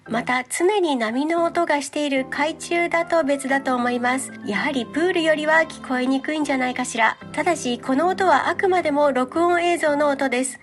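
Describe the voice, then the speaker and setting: A woman narrating a scripted video as its host, in a polite, explanatory presenter style. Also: high-pitched. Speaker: host of a free-diving and mermaid swimming channel. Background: background music.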